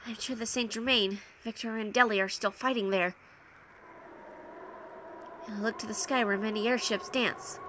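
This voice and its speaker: Bright-voiced woman doing a let's play. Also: fairly high pitch, steady tone, normal speed, long pauses, slight background noise. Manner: informal, reactive. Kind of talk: reading game text aloud with casual commentary.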